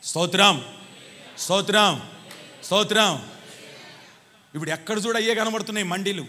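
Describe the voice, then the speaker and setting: A man preaching to his church, his voice high and bright as he fires question after question at the congregation. He switches from loud cries to quiet asides and keeps demanding a louder answer. The hall rings with long reverb behind him. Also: moderate pace. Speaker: pastor. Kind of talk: sermon.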